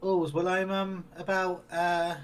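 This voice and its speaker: A man voicing a wandering half-elf male handyman in a tabletop role-play, talking in a folksy, rough way full of fillers. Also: high voice, monotone, unhurried. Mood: rambling.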